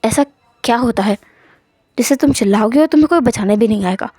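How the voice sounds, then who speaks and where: A woman voicing a calm, gentle seventeen-year-old husband in a measured, lowered voice. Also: husky, no room sound, studio quality.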